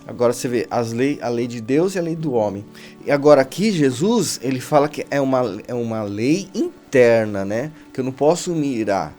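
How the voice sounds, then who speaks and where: A man's voice: mid-range voice, animated, moderate pace, warm tone, soft background music. A man giving an informal sermon to a video audience, talking in a conversational way with frequent "amém?" and "né?" checks and many restarts. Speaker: preacher.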